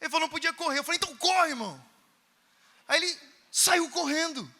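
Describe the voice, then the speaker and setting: A male preacher tells a story in a conference sermon, acting out the dialogue and shouting at the peaks. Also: extremely high pitch, quick pace. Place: large church hall. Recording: reverberant church hall.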